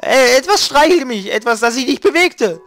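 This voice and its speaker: A man's voice: very high-pitched, expressive, normal speed, a bit bright, dry recording, faint music behind, voice pushed up, full character voice. A man voicing a jumpy, suspicious male guard dog from a video game, startled and repeating himself. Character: jumpy male guard dog who only sees movement.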